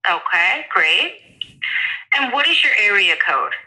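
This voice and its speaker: Polite receptionist on a tinny phone line. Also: female voice, medium pitch, sing-song, unhurried, pushed and bright. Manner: polite, procedural. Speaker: law firm receptionist. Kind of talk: scripted client intake call.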